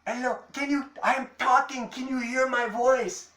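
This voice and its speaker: Dude doing a super high shrill lady sea cat, yelling urgent stuff, echoey. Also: steady tone, moderate pace, far from the mic. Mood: frantic. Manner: shrill, urgent repeated calling. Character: frantic female sea cat creature. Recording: echoey room.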